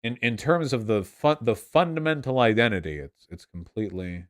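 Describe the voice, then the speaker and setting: A man's voice: mid-range voice, expressive, normal speed. A young man rambling casually to a livestream chat, sounding drunk, repeating and restarting his phrases. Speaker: livestream host answering chat.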